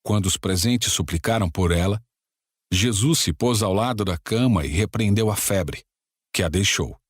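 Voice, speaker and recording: A man reading scripture narration in a calm, steady way. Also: on the low side, moderate pace, slightly rough, no room sound, clean studio sound. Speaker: Bible narrator.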